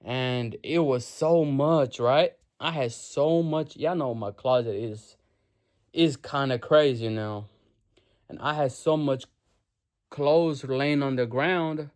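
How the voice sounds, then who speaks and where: A man's voice: mid-range voice, slow, a little mellow. A young man from Nepal, a vlogger in his bedroom, giving a casual motivational talk to camera, full of slang, swearing and calls of "bro".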